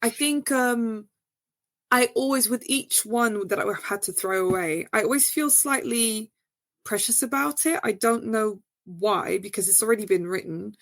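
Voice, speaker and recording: Unhurried and chatty, a Portuguese woman talks as a guest novelist in a relaxed interview, hesitating with plenty of fillers and restarts. Her answers come out high and animated. The audio carries no room sound.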